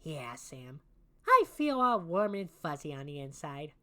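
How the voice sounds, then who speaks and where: Wild cartoon rabbit sidekick, voiced by a woman, bright, very bouncy pitch, flippant wisecracks. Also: very animated, unhurried, heavily acted. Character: hyperkinetic cartoon rabbit sidekick, gleefully violent.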